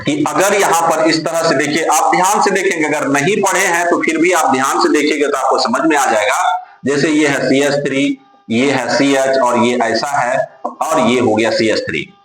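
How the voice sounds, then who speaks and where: A man's voice: on the high side, fairly bright tone. A man teaching a chemistry lesson to students. He spells names out letter by letter, asks his own questions and answers them, and calls the students dear children. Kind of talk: classroom lecture. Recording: very echoey room with music behind.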